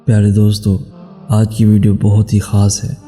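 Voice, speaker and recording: A man's voice: on the low side, monotone, warm tone. A man narrating a dramatic first-person story in an emotional, solemn, devotional manner. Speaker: channel narrator. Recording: reverberant with background music.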